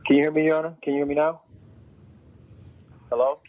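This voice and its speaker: A man's voice: a little high, level tone, fairly quick. A man, a defense attorney, speaking formally to the judge over a phone call that keeps breaking up and is hard to hear. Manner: formal, addresses the judge as Your Honor. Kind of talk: courtroom argument. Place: at home, daughter in background. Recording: tinny phone line.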